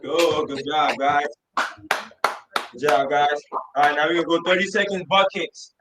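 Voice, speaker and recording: A man coaching like an aerobics instructor, counting reps, calling out exercises and shouting encouragement. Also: fairly high pitch, level tone, normal speed. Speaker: fitness coach. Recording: echoey room, distant mic, faint noise.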